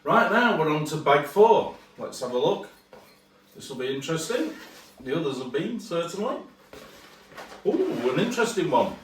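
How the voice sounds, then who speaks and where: A Yorkshire man who makes dry, wry remarks as he co-hosts a snack tasting. His pitch moves around a lot. The sound is roomy and a little distant, with faint background noise. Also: very animated, normal speed. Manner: dry, wry one-liners. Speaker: co-host of a cooking channel. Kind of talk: casual chat during a taste test. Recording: echoey room, mic at a distance.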